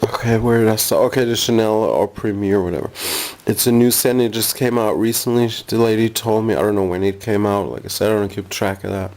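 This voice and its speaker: Tired rambling man, low voice. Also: little pitch movement, brisk, darkish tone. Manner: rambling, easily sidetracked. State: tired, jet-lagged. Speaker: vlogger. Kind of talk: casual haul vlog. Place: bedroom at home.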